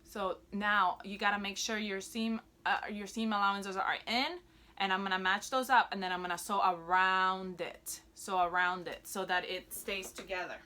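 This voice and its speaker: This sewing instructor is a woman whose first language is Spanish, speaking in a mid-range voice with a steady tone at a moderate pace, pushed and bright. She chats upbeat through a sewing tutorial, narrating each step as she works at the machine.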